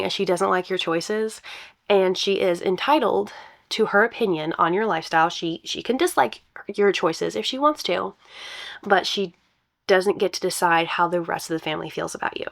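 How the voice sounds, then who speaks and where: A woman with a gravelly voice, hoarse from allergies, reading posts aloud and commenting on them in a casual, emphatic, conversational way as a host. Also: fairly low pitch, normal speed.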